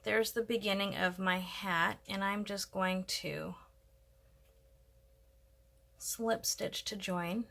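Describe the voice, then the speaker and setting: A woman's voice: medium pitch, fairly even intonation, takes it slowly, vocal fry, long pauses, a bit bright. A woman hosting a casual crochet tutorial, chatting and thinking aloud as she works. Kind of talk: casual step-by-step craft tutorial.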